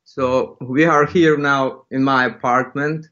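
A man in his thirties, a game developer calmly describing his home city from his apartment. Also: medium pitch, slow. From Bosnia. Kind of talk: casual interview over video call. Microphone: video call. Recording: dull video call audio.

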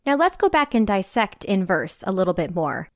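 A woman co-hosting a podcast, reading a scripted explainer in a clear, measured, teacherly way. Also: mid-range voice, very animated, no room sound, studio quality. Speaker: podcast co-host.

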